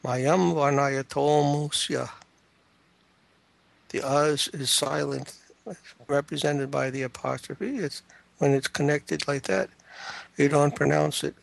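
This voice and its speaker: Gravelly man correcting pronunciation. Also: a little high, fairly even intonation, no echo. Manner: patient, corrective, spells out sounds slowly. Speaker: Sanskrit teacher.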